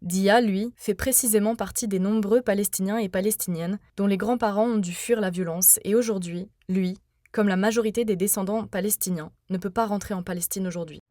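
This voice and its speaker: A young woman from France narrating her own podcast in an earnest, measured, personal way. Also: mid-range voice, steady tone, dark tone, dry recording, studio quality. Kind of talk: scripted first-person narration.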